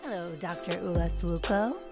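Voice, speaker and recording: A woman hosting a podcast in casual, chatty talk, recorded alone in a huge, high-ceilinged room with lots of echo on a portable travel mic. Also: normal speed, music in the background. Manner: chatty and bubbly, jokey asides. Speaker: podcast host. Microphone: portable travel microphone.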